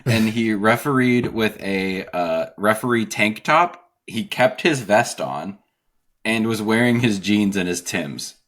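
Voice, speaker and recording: A man with a fairly low voice co-hosts a podcast in a relaxed, chatty way. He works through his notes and laughs often as he talks. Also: takes it slowly. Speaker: podcast co-host. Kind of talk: casual podcast chat.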